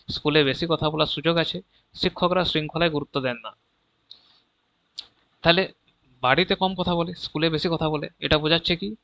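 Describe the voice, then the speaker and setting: A man's voice: fairly high pitch, bright, forceful tone, dry recording. A man with a Bengali accent teaching exam preparation, reading each question and explaining the answer, mixing English terms and checking in with listeners often. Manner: reads each question, then explains answers with frequent "ঠিক আছে?" check-ins. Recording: dull, dry lo-fi audio.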